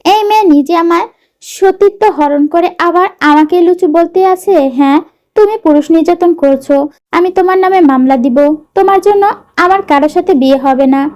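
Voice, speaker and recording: A woman's voice: very high-pitched, normal speed, a little mellow. A woman voicing a young man who jokingly plays offended, reading a romance story aloud. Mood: mock-offended.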